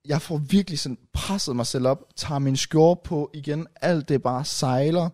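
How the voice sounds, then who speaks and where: A young man casually retelling a long night out on a podcast, rambling and animated with many restarts. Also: a little high, no room sound, studio quality. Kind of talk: casual storytelling chat.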